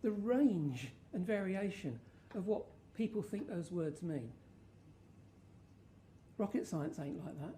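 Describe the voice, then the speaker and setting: A woman's voice: on the low side, expressive, slow pace, pauses often, warm tone, slight background noise. A woman giving an informal research presentation to an audience, using rhetorical questions and emphasis. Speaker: conference speaker.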